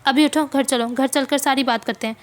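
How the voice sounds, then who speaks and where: A woman voicing a calm adult man who urges a crying mother home and promises to help. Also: high-pitched, a little fast, natural voice. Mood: urging. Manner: calm, reassuring. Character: helpful adult man, friend's husband. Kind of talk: novel reading.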